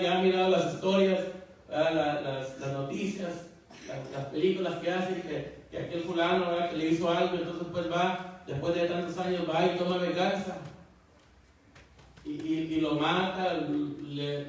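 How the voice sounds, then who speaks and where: Man, preacher, folksy sermon, fairly high voice, stammering restarts, very echoey church, distant mic. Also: fairly even intonation, normal speed. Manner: folksy, repeats "¿verdad?" and "hermano". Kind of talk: Spanish sermon. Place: church sanctuary.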